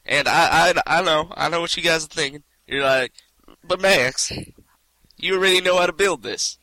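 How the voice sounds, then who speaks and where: A man's voice: fairly high pitch, moderate pace, pushed and bright, dry recording. A man putting on a Southern accent as a folksy how-to show host, rambling and tripping over part names. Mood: instructional. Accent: put-on American Southern.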